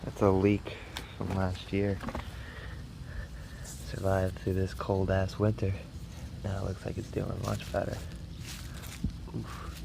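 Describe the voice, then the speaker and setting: A man's voice: low-pitched, monotone, slow, vocal fry, pauses often. A man giving a casual, laid-back walk-and-talk garden vlog with mild swearing, recorded outdoors. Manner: laid-back, mildly profane. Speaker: gardener vlogger. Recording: noisy outdoor recording with ambient sounds. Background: outdoor ambience.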